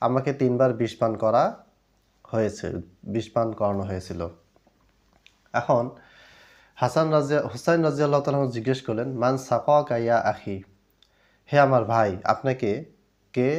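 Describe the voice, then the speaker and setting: A man giving an explanatory religious lecture as an Islamic scholar, reading out Arabic texts and then translating them in a measured way. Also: medium pitch, darkish tone.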